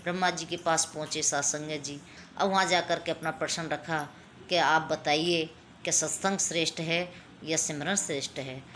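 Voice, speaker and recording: Woman, low voice, devotional sermon, storytelling, faint background hiss. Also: fairly bright tone. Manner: storytelling, repeatedly addresses the congregation. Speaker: satsang speaker.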